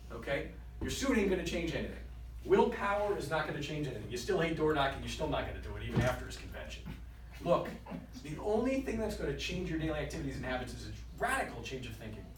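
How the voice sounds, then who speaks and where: A man's voice: on the high side, big pitch swings, fast talker. A middle-aged man who is a business coach giving an emphatic, blunt seminar talk and often checking in with "right?" and "okay?". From Queens, New York. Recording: roomy distant mic with background noise.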